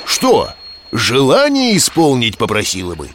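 A man's voice: medium pitch, huge pitch swings, measured pace, background noise. A man voicing a friendly, knowing talking globe who guides travels in a children's cartoon, with playful, teasing explanations. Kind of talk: animated children's cartoon dialogue.

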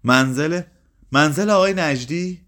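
A frantic old woman, confused and accusing, her voice pushed up high and loud as she cries out in a strained, pleading way, put on by a male storyteller. She sounds like a figure in a spoken story, reaching well above a man's normal speaking register. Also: natural voice. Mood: breathless. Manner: shouting, pleading, raised and strained. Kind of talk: read-aloud story.

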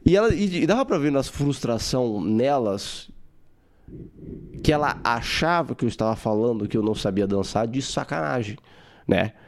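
Gravelly-voiced man telling a story. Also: mid-range voice, normal speed, slight background noise. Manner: animated, swearing, acts out his own quotes. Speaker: podcast host. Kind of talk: casual storytelling monologue.

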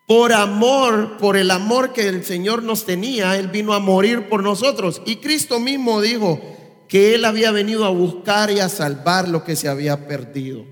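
High-voiced preacher in a reverberant church. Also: male voice, normal speed. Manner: quizzes the congregation with rhetorical questions. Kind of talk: sermon. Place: church service. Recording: long reverb of a church hall.

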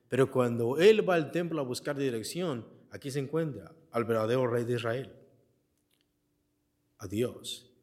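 A male pastor delivers a slow, deliberate sermon in a church, taking his time over each phrase. He reads the scripture aloud and explains it verse by verse. He keeps asking the congregation questions and leaving the answer word for them to fill in. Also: medium pitch. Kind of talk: Bible exposition sermon.

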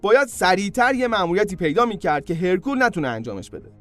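A man's voice: sits high, sing-song, a bit bright, soft background music. A man hosting a podcast, telling comic stories in a casual way with joking asides to the listener. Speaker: podcast host and storyteller. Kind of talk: comic storytelling narration.

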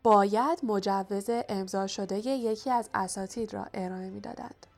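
A woman's voice: medium pitch, fairly even intonation, creaky. A woman narrating a novel aloud as an audiobook reader, voicing all the characters herself. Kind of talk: storybook narration.

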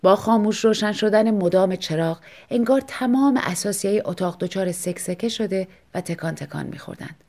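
A woman narrating a translated short story for an audiobook, with measured, expressive storytelling. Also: medium pitch.

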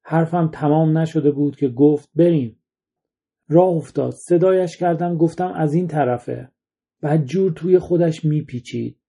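A man's voice: fairly high pitch, creaky, warm tone, husky. A man reading a somber first-person short story aloud as its narrator.

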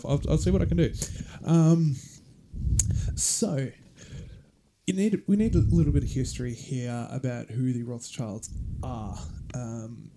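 A man's voice: medium pitch, warm tone, a little hiss or hum. A man with an Australian accent, hosting a casual podcast and reading history aloud in a laid-back, chuckling way. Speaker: podcast host.

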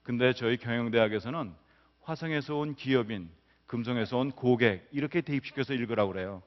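A man's voice: medium pitch, a little fast. A middle-aged male professor delivers a public lecture and spins anecdotes, acting out each quoted line. His voice carries the long reverb of a large hall. The recording is dull and lo-fi. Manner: lively storyteller acting out quotes. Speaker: business professor. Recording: roomy hall, dull lo-fi sound.

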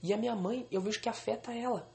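A man's voice: sits high, steady tone, quick pace, vocal fry, mellow. A young man venting angrily and swearing on a solo podcast recorded alone at home.

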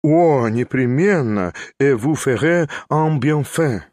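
A nervous, flustered older gentleman who stammers and drags his words out slowly, as a male reader voices him. He sounds timid and unsure of himself. The recording is dry, with no room sound. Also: mid-range voice, animated, no echo. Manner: hesitant, stammering, slow. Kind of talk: audiobook character voice.

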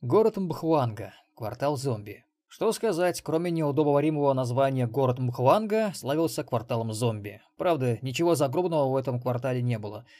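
A man narrating an audiobook in a measured, even tone. His voice sits at a middle pitch. It sounds dry and close, with no room echo. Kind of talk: scripted narration.

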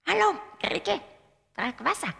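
A woman voicing a cruel, cackling old witch in a storybook reading, shrill and creaky. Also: sing-song, unhurried, pushed and bright, in a large hall, full character voice. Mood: bossy. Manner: gloating, commanding, scornful.

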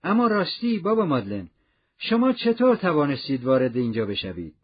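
A man voicing an excitable, chatty old male gardener with a trembling voice, in a dull lo-fi recording. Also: fairly high pitch, breathy edge. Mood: astonished. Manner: exclaiming, rapid questions.

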